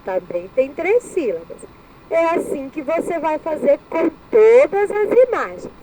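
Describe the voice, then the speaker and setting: A woman's voice: high-pitched, very animated, unhurried, a crowd in the background, rough recording. A woman with a Brazilian Portuguese accent teaching a recorded lesson to young children, sounding out words syllable by syllable and repeating each one. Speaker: primary school teacher.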